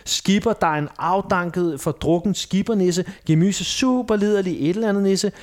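Male podcast co-host, casual and sarcastic, swears freely, voice sits a bit high. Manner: blunt, sarcastic, swears often. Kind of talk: casual chat reviewing a TV series.

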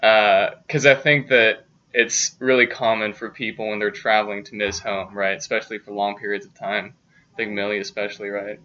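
A man hosting a casual interview, relaxed and encouraging as he asks open questions. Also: on the low side, normal speed, muffled recording. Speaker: host.

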